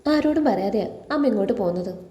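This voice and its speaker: A woman's voice: mid-range voice, animated, fast talker, dark tone, echoey room, highs cut off, lightly acted. A woman reading the lines of a loyal grown son, firm and determined, in a serial recap.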